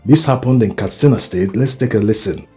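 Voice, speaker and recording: A man's voice: on the low side, brisk, mellow. A man with a Nigerian accent delivering opinionated political commentary, emphatic and exhorting, often posing rhetorical questions. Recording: music behind the voice. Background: background music.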